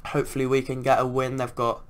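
A man's voice: medium pitch, completely flat delivery, fast. A man giving casual commentary on a video game as he plays. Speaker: gaming video creator.

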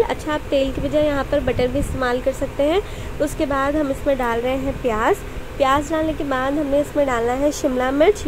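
A woman with a high voice hosts a cooking channel, narrating a recipe step by step in voice-over and offering friendly tips to viewers, with a noisy background behind her.

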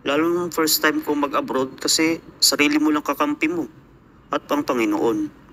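A man's voice: fairly high pitch, moderate pace, bright, forceful tone, a little hiss or hum. A young Filipino man, an overseas worker, telling his life story in a reflective, earnest voice-over. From Philippines.

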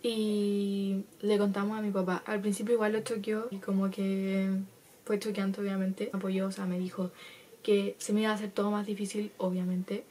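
A woman's voice: mid-range voice, flat delivery, moderate pace, dark tone, a little hiss or hum. Chatty Chilean teen girl vlogging. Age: teenager, 15. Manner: chatty, laughs often, acts out quotes. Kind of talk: casual storytelling to camera.

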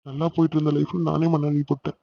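A man's voice: fairly high pitch, level tone, fast talker, vocal fry, dull audio, heavy background noise. A man voicing a remorseful young husband in a cartoon, apologetic and pleading.

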